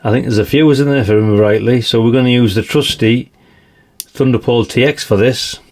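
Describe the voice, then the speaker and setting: A man with a slightly croaky voice, chatting casually through a radio review and tossing in tag questions. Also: medium pitch, steady tone, brisk, a little mellow. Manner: chatty, adds tag questions like "isn't it, really?". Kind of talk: casual product demonstration.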